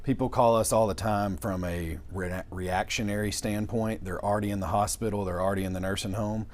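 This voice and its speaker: A man's voice: lowish voice, steady tone, fairly quick, a little mellow. A young man, explaining things as a lawyer in an interview with folksy, informal phrasing. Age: young adult. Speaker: estate planning lawyer. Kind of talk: interview answers in plain explanatory talk.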